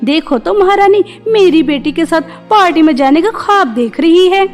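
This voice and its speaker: A woman voicing a cruel middle-aged aunt in an animated story, harsh and insulting as she barks orders. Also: very high voice, moderate pace, soft background music. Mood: scolding.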